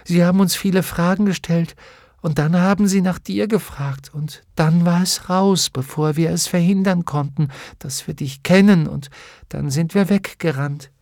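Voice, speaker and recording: A man's voice: sits high, steady tone, normal speed, creaky, a little mellow, dry recording, clean studio sound, pitched above the performer's own voice. A man reading aloud voices a shape-shifting animal companion that anxiously confesses what went wrong. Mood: guilty.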